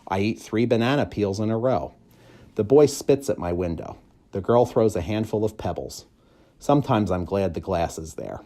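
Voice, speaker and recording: Reading a children's story aloud, a school staff member narrates audiobook-style in a lowish voice. He keeps a measured pace, phrases clearly, and puts plenty of expression into it.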